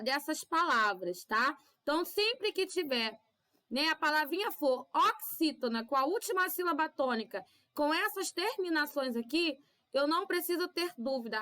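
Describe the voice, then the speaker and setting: A woman with a Brazilian Portuguese accent teaching young children in a recorded class, with drawn-out syllables and constant "tá?" checks. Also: high voice, bright, forceful tone. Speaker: primary school teacher.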